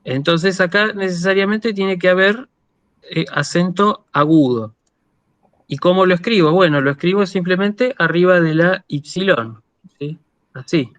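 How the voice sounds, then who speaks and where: Over a video call, a man with an Argentine Spanish accent and a voice on the high side gives an online university lecture. He explains patiently and often checks that his students are following, and there's no room sound.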